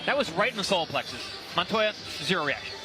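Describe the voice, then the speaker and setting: A man's voice: sits high, very animated, quick pace, over music. A man giving conversational, emphatic boxing analysis, repeating phrases for stress. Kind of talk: conversational sports commentary.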